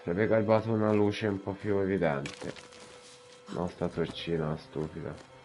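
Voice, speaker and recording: A man's voice: low-pitched, flat delivery, measured pace, music in the background. A man giving casual gameplay commentary, muttering to himself bluntly. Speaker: gamer.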